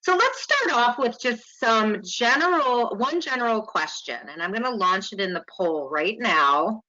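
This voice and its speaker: A New York woman gives a webinar lecture over an online call, chatty and welcoming with small laughs. Her voice is fairly high, animated, a bit slow, pushed and bright, coming through dull lo-fi web call audio.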